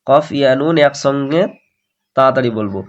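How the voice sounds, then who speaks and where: A man teaching Quran recitation, slowly reciting verses and explaining pronunciation rules. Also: mid-range voice, lo-fi sound. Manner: slow melodic Arabic recitation between explanations. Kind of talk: slow tajweed lesson, reciting verses then explaining.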